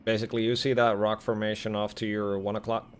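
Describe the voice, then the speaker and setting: A man acting as co-pilot in a military flight sim, giving steady, clipped radio calls and directions. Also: on the low side, fast talker, noisy background. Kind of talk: gaming chat and radio calls.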